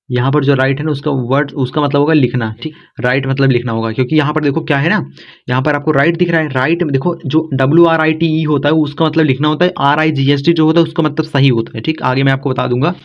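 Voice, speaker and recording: A man teaching English vocabulary to learners, going word by word and repeating each one with a steady "okay". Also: mid-range voice, fast. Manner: repetitive, keeps saying "thik hai". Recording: slightly dull lo-fi sound.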